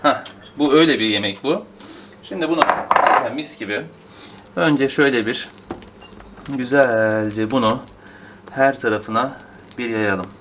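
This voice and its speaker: A man filming a casual cooking vlog in his home kitchen, talking in a playful, excitable way. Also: mid-range voice, measured pace, pauses often, noisy background. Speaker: cooking vlogger.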